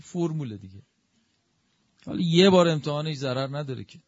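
A man preaching a religious sermon in a conversational, lively way that rises to emphatic peaks. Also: a little high, no room sound, highs cut off.

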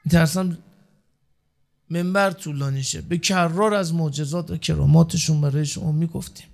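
A man's voice: on the high side, steady tone, creaky, a little mellow. A man preaching a sermon to a congregation, speaking emphatically, with his delivery rising and falling. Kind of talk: sermon from the pulpit.

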